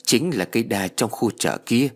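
A man voicing a kindly, wise old sorcerer in a read-aloud ghost story, speaking slowly and gently with a husky voice. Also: mid-range voice, expressive. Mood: calm. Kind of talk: storybook reading.

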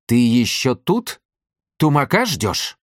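A man reading an audiobook, voicing a fierce old working-class mother who shouts and scolds. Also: on the low side, very animated, a little fast, no room sound, clean studio sound, voice pushed up. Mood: furious.

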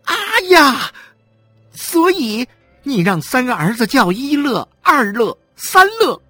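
A woman's voice: on the high side, sing-song, slow, bright, forceful tone, slightly rough, no echo, soft background music, pitched above the performer's own voice, exaggerated voice. A woman voicing a young wife in agonizing labor who sobs, wails and screams curses at her husband in an audiobook. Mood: nagging accusation. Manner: wailing, sobbing, screaming curses.

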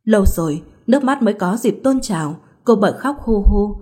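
Husky-voiced woman storyteller. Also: mid-range voice, expressive, moderate pace, dark tone. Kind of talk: scripted narration.

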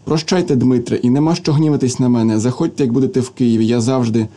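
A man reading the part of a sharp-tongued young woman in an audiobook, in an ironic, teasing manner. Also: mid-range voice, fairly even intonation, fast talker, lightly acted. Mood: placating.

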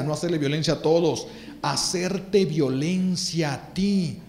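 A priest giving a fervent sermon, repeating phrases for emphasis. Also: male voice, on the high side, roomy sound.

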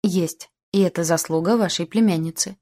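A woman voicing a calm, measured ship captain. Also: on the low side, natural voice.

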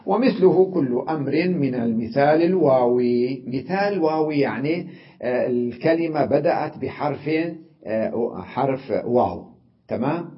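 A man teaching an Arabic grammar lesson, explaining patiently and repeating example words slowly. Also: a little high, dull audio.

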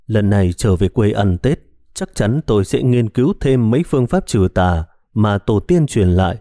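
Expressive male storyteller, mellow tone. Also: fairly low pitch, moderate pace, no echo. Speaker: audiobook narrator. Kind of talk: scripted horror story narration.

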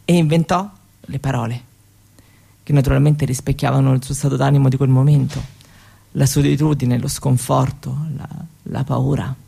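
In a grave, sorrowful theatre monologue framed as testimony, a woman voices a young Roma girl who tells her grandmother's story shyly, in a hesitant, conversational way. She speaks very low and steady at a moderate pace, with vocal fry, a mellow, breathy edge and a fully committed character voice.

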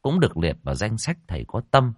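A man narrating a ghost story in an expressive, dramatic storytelling manner. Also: on the low side, quick pace, breathy edge, no echo. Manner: expressive, rising and falling storytelling. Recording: dry close mic with faint music.

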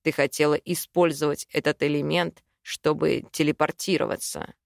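A woman voicing a stern young man who is a dragon shifter, speaking low, weary and firm. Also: steady tone, normal speed, vocal fry, no echo, studio quality.

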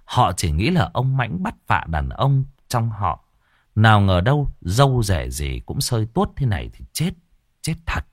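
A man narrating a ghost story in a dramatic, expressive way. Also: lowish voice, no echo, clean studio sound.

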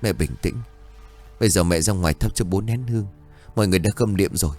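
A man doing a calm, steady grown son. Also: low-pitched, quick pace, faint music behind, lightly acted.

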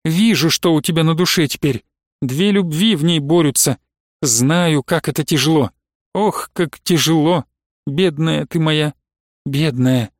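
A man reading the part of a stern but loving old abbess, speaking in measured, solemn phrases. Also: on the high side, dry recording, clean studio sound, natural voice. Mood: tender grief. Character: stern aging abbess, dignified yet loving.

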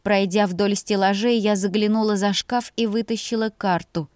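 A woman reads a novel aloud in the first person, measured yet full of feeling. Her voice sits at a medium pitch. The recording is dry, with no room sound. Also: fairly even intonation, a little mellow, no room sound. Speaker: audiobook narrator. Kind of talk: scripted first-person narration.

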